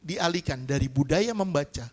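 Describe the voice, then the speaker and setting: Guy preaching, high pitched, keeps asking the crowd if they agree. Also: moderate pace. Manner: lively preaching, asks the congregation to agree. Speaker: pastor. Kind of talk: sermon. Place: church hall.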